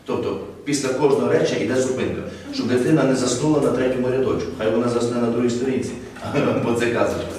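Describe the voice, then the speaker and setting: A man's voice: mid-range voice, quick pace, darkish tone. A man leading a master class on audiobook narration, explaining technique and demonstrating how to read, in an improvised studio. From Ukraine. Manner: explaining, demonstrating readings, light laughs. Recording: very echoey room, distant mic, faint noise.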